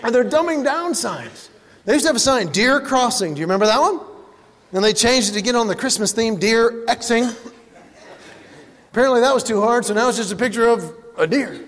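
A middle-aged male stand-up comedian tells animated stories from a live stage, breaking into sudden shouts. His voice sits very high for a man. It rings through a reverberant hall over clear audience noise. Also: fast.

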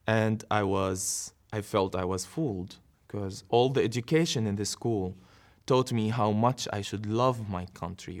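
A man's voice: fairly low pitch, vocal fry. Earnest Syrian man telling his story. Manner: earnest, reflective, with short laughs and restarts. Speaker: interview guest, dancer. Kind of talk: personal storytelling in an interview.

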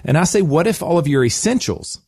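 On a conversational advice podcast, a financial advisor coaches listeners in an emphatic, coaxing way, regularly checking in with short tag questions. His fairly high voice swings widely in pitch, moves briskly, and carries vocal fry with a darkish, husky tone. The studio-quality recording has no room sound.

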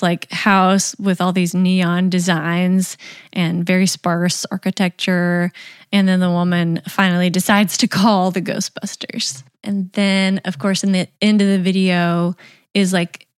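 A woman's voice: on the low side, smooth, dry recording, clean studio sound. A woman co-hosting a music podcast, chatting enthusiastically about songs. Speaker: podcast co-host. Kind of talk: casual chat.

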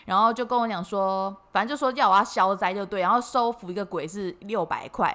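A woman with a Taiwanese Mandarin accent co-hosts a podcast, dramatically telling a story in casual chat and acting out the quotes. Her mid-range voice is fairly quick and a bit bright.

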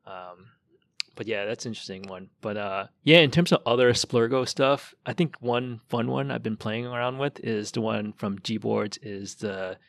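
Gravelly-voiced podcast guest. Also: male voice, on the low side, moderate pace, dry recording. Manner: relaxed, thoughtful storytelling with fillers. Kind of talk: casual chat.

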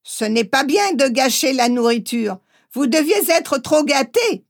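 Woman reader putting on a shrill, high scolding farm wife for an audiobook, slow and stern. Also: animated, gravelly, exaggerated voice.

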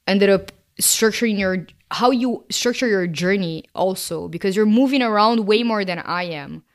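A woman's voice: mid-range voice, normal speed. Eager, curious woman co-host. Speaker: podcast co-host. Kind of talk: casual podcast chat.

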